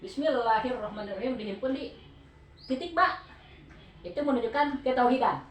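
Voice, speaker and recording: A woman with a fairly high voice and a Sundanese accent teaches a Quran study group. She explains patiently and keeps asking her listeners to answer. The sound is echoey, heard from a distance across a room with faint noise behind. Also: expressive, normal speed. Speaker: religious teacher.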